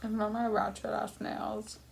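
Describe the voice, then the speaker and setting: A young woman rambles casually to her viewers between bites of food. Her medium-pitched voice often drops into creaky fry. She is self-deprecating and swears offhandedly, with faint noise behind her. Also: completely flat delivery, unhurried, low-quality recording. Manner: talking between bites while eating. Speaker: mukbang vlogger. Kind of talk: casual eating-video chat.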